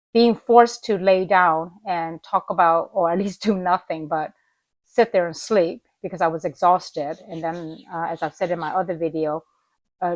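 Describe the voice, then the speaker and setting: A woman in her forties records an unscripted morning vlog from her small living room on a laptop camera, rambling with lots of fillers and restarts. Her voice, fairly low in pitch, is recovering from an illness, and she coughs. The recording is dry.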